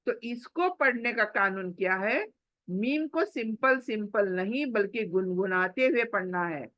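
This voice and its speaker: A woman's voice: medium pitch, lively intonation, measured pace, a bit bright, no echo. A woman tajweed teacher who patiently repeats examples, hums the letters and asks questions she then answers herself. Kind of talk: recorded Quran recitation lesson.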